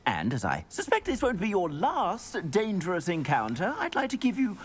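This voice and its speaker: A flowery, pompous wizard shopkeeper. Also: male voice, high voice, huge pitch swings, moderate pace, slight background noise. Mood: gracious. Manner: formal, flowery, grandiose. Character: pompous, courtly middle-aged wizard clothier. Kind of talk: video game voice acting.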